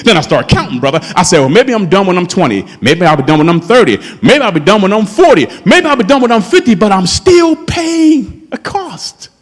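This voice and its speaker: A pastor in his fifties preaches with fervor in a church sanctuary, calling out to his congregation in an impassioned way. His high voice has a sing-song quality, moving a little fast with hardly any pauses. Soft background music plays, and the recording has long hall reverb.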